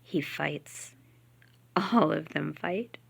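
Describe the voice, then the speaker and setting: A woman reading a novel aloud, softly and often half-whispered. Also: low-pitched, very slow, gravelly, breathy edge. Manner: soft, half-whispered reading with giggles at slips. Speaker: reader.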